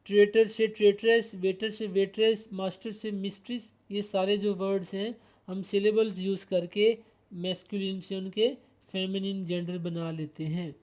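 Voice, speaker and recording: A man with a Pakistani accent teaches English grammar in an explanatory lesson, working through word pairs and posing rhetorical questions to himself. His voice is high-pitched with a darkish tone.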